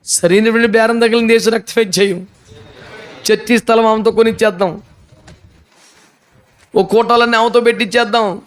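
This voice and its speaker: A male pastor preaching a sermon with animated storytelling. He fires off mocking rhetorical questions and acts out the people in the story. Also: high-pitched, moderate pace, pauses often, smooth. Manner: animated storytelling, acting out characters.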